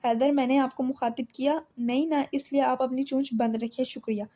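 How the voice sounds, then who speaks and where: A woman reading as a stubborn sharp-tongued girl. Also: sits high, steady tone.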